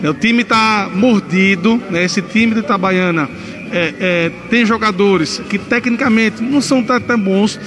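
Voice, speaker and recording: A man's voice: high-pitched, normal speed. A man chatting as a radio football pundit, insistent and repeating his phrases. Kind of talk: spontaneous radio sports chat. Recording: crowd noise behind the voice.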